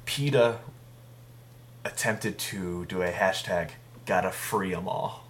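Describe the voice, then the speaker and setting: A man's voice: deep voice, slow, a bit bright, a little hiss or hum. A man co-hosting a podcast, chatting casually and joking with a laugh in his voice. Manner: jokey, laughs often. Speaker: podcast co-host. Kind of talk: casual chat.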